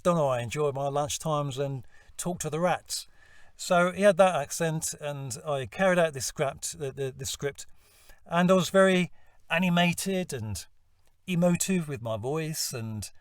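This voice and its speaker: A man's voice: a little high, dry recording. Brief: male vlogger, self-deprecating storyteller, distant dry mic. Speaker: voice-over hopeful vlogger. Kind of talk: personal storytelling vlog.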